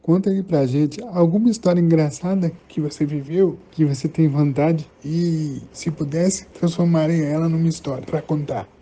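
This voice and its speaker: A man's voice: a little high, fairly even intonation, normal speed, hardly any pauses, mellow. A man interviewing a storyteller with casual questions.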